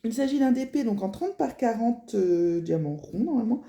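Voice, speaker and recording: A middle-aged crafting vlogger with a northern French Picard (ch'ti) accent chats casually through a crafting unboxing, rambling with lots of fillers. Her voice is a little high and mellow, with lively intonation and a moderate pace.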